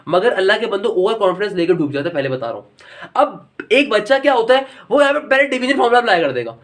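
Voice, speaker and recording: Guy teaching maths, fast and kinda high voice, fatherly lecturing, slows down for the formulas. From Pakistan. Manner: fatherly and lecturing, addresses students as "my son"; slows right down when reading out formulas.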